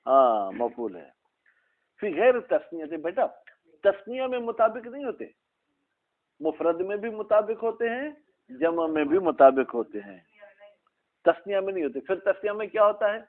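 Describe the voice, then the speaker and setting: A man teaching an Arabic grammar class, explaining slowly and quizzing his students by name. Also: sits high, very animated. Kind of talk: classroom lesson, questioning students. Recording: tinny phone-like recording.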